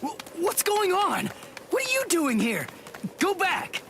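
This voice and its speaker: A man's voice: very high voice, wildly swooping pitch, slow, gravelly, background noise, heavily acted. An actor playing a determined teenage swordsman hero in an anime game dub, blunt and impatient. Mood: alarmed.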